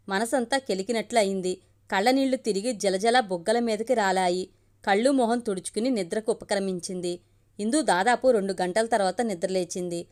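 A woman reads a family story aloud at a middle pitch. Her narration is steady and measured, paced like a storybook reading.

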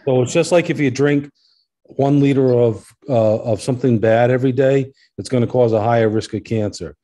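A man's voice: mid-range voice, normal speed, warm tone. A man speaking as a local resident at a public hearing, earnest and insistent, often repeating his points.

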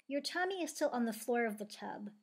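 A woman's voice: fairly high pitch, lively intonation, a little fast. A woman voicing a sensible object hanging in a bathroom who dryly corrects a friend.

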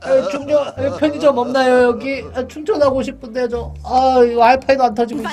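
A young woman playfully dubbing and commenting on a cartoon, full of exclamations, with music playing underneath. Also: high voice. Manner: animated, exclaiming, quick voice switches. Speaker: YouTuber dubbing a fan animation.

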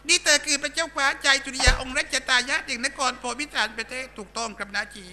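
A man voicing a gentle, grieving older woman, an aunt, in a live shadow puppet drama. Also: very high-pitched, fast, soft background music, pitched above the performer's own voice, full character voice. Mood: tearful tender.

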